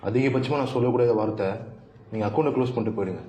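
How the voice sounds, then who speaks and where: A man's voice: mid-range voice, very fast, dark tone, dull audio. A man playing a curt, dismissive bank official in a comedic sketch. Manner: dismissive, curt, repeats the rules. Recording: echoey room with faint music.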